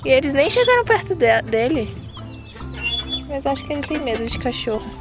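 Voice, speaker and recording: A woman's voice: sits high, big pitch swings, a little fast, lo-fi sound, over music. A young Brazilian woman with a Brazilian Portuguese accent, chatting casually to camera in a windy park and cooing at her baby. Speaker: vlogger mother. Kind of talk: casual outdoor vlog.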